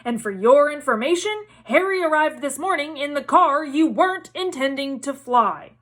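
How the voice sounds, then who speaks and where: Storybook wizard housewife played by a woman reader: indignant, loud scolding, high-pitched. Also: expressive, moderate pace. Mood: furious, scolding. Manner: shouting, indignant.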